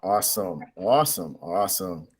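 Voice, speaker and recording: A man hosting an online interview on a video call, measured and encouraging, often repeating his words. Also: low-pitched, lively intonation, breathy edge. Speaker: host.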